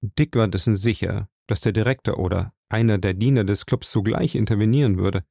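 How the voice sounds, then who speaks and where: A man narrating an audiobook in a steady, dramatic storytelling manner. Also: lowish voice, brisk, creaky, dry recording, studio quality. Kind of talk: scripted narration.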